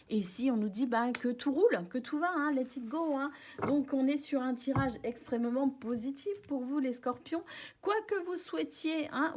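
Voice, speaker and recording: A woman gives a casual tarot reading in a fairly high voice. She talks gently and reassuringly, and her sentences are full of small hesitations. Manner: gentle, reassuring, frequent fillers and soft laughs. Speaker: tarot reader.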